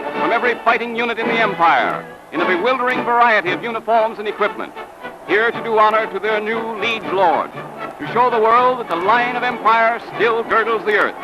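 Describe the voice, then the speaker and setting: An animated man, voice sitting high for a male, gives old newsreel narration in a grand, declamatory manner at normal speed. The recording is muffled, with loud music playing beneath throughout.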